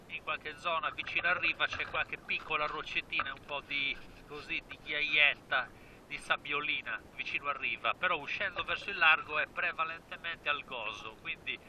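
Brief: fifties male vlogger, bright, forceful voice with a lifted pitch, eager and repetitive, filmed on an action cam outside with faint water noise. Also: poor audio. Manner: enthusiastic, repeats phrases. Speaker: spearfishing vlogger. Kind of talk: casual vlog narration to camera. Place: outdoors by the sea, then in the water.

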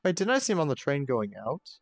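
A man's voice: a little high, huge pitch swings, brisk, faint music behind. A man giving joking, chatty let's play commentary, reacting aloud as he plays. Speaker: gaming host.

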